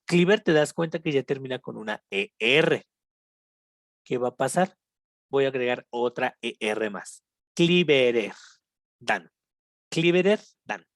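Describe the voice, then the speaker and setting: A teacher with a Mexican accent, patiently explaining English grammar in a recorded lesson, slowing down for each English example and checking in with the students. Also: mid-range voice, expressive, dry recording, clean studio sound. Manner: switches between Spanish and slow English examples.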